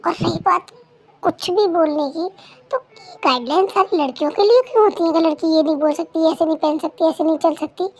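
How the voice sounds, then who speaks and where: A woman voicing a talkative, dramatic young wife who argues fast and indignantly in a fan-made dub. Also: extremely high pitch, darkish tone. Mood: defiant. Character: chatty, dramatic young wife, quick to tears. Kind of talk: fan Hindi dub role-play.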